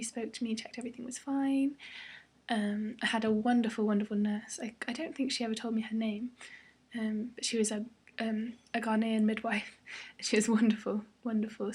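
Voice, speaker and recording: Tired, breathy young British woman vlogging. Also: fairly high pitch, a little mellow. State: tired, a day after surgery. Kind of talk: casual personal vlog.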